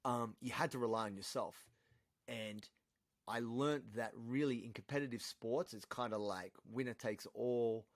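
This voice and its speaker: An Australian man, a podcast guest, chatting casually and telling animated, swear-laced stories. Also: mid-range voice, normal speed, dry recording. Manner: animated storyteller, swears freely.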